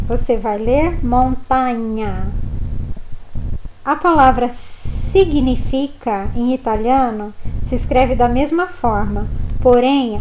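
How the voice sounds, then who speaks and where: A woman from Brazil teaching a pronunciation lesson, spelling out letters and modelling each word slowly and patiently. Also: high voice, a little mellow, a little hiss or hum, low-quality recording. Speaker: language teacher. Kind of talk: slow spoken lesson.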